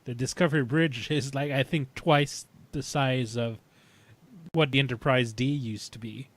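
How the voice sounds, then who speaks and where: A man co-hosting a casual fan podcast, talking in a halting way with many fillers and restarts. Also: mid-range voice, fairly even intonation. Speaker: podcast co-host. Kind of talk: casual chat.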